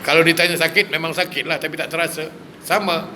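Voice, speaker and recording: A male preacher gives a lively sermon, firing rhetorical questions at his listeners and mixing in humor. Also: on the high side, fast talker, a little hiss or hum. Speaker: religious preacher.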